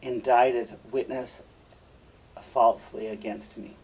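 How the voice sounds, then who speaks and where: A man reading the part of Desdemona, a gentle and troubled young wife, in a class reading of a play. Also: medium pitch, level tone, slow pace, breathy edge. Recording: distant mic, faint room noise.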